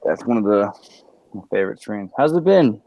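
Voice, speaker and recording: A man's voice: lowish voice, animated, moderate pace, vocal fry, no echo, lo-fi sound. A man from California, a guest chatting casually on a video call, rambling through long digressions. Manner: rambling, digressive, many fillers. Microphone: earpiece on a video call.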